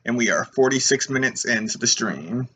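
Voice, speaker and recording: A man casually commenting while playing a video game, relaxed and chuckling often. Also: medium pitch, moderate pace, husky. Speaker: streamer.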